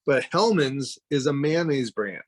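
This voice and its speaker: A man's voice: medium pitch, animated, measured pace, no echo. A man joining a podcast over an internet call on Wi-Fi, chatting casually in a laid-back way. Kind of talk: casual chat.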